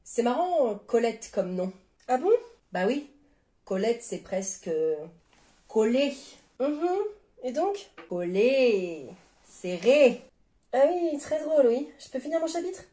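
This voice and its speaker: A woman's voice: sits high, animated, measured pace, warm tone, roomy sound. A woman acting out short comedy skits with playful banter, playing every part herself. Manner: playful, bantering, switches between characters. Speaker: comedy sketch creator.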